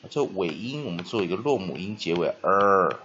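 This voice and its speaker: A man teaching English pronunciation, breaking words into syllables slowly and reading text aloud in a steady, deliberate way. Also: low-pitched, highs cut off, a little hiss or hum. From Taiwan. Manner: drills words slowly syllable by syllable, then reads aloud loudly. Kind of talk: spelling and pronunciation lesson.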